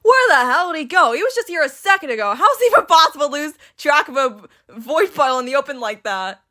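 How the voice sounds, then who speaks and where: A smug, scheming male supervillain, read aloud by a woman with a fairly high voice, taunting his prey and then snapping in exasperation. His delivery is theatrical and mocking throughout. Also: very animated, brisk, bright, forceful tone, exaggerated voice. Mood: exasperated. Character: smug scheming male villain commanding drones.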